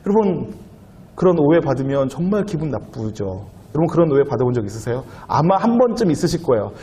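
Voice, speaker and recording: Lively, mellow-voiced male pastor preaching. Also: fairly high pitch, brisk. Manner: conversational, acts out quoted lines in raised voice. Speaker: youth pastor. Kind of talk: sermon.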